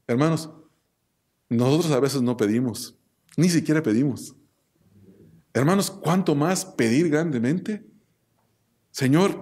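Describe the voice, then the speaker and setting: A male pastor preaching a sermon with emphatic repetition and rhetorical questions to the congregation. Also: a little high.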